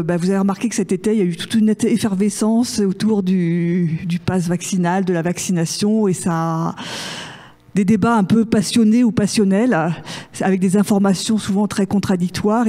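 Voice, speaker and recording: Woman moderating a debate in a bar, dark mellow voice, lots of stops and restarts. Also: mid-range voice. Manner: hesitant, many fillers and restarts. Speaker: event moderator. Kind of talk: conference introduction. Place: bar hosting a public debate.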